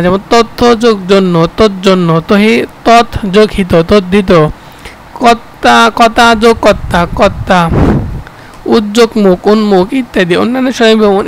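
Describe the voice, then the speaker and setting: Bangladeshi male tutor, fairly high voice, drills terms and quizzes himself, faint traffic noise behind. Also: low-quality recording. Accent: Bangladeshi Bengali. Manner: repeats terms and asks himself questions, with fillers. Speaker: teacher. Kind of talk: exam-prep grammar lesson.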